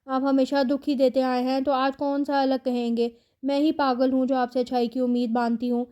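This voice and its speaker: A woman's voice: high voice, little pitch movement, warm tone, clear, resonant tone, dull audio, lightly acted. A woman voicing a hurt young wife who reproaches her husband, in a novel read aloud. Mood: bitter.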